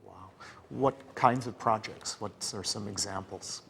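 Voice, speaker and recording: A man's voice: on the low side, a little slow, vocal fry, a bit bright, long reverb tail, a little hiss or hum. A man hosting a public-affairs interview, prompting his guest with friendly questions. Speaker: interview host.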